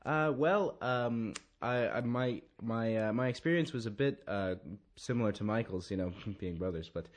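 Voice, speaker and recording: A man chatting casually in an interview, halting and correcting himself as he goes. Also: medium pitch. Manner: halting, repeats words, self-correcting. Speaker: musician being interviewed.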